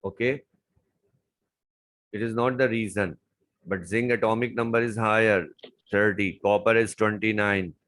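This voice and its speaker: A male chemistry tutor works through exam questions one by one. His voice sits low, and he circles back over key terms to drill them in. The recording is close and dry, with no room sound. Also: steady tone, measured pace, long pauses, fairly bright tone, no room sound, low-quality recording. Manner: explains step by step, repeats key words. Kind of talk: exam paper walkthrough lesson.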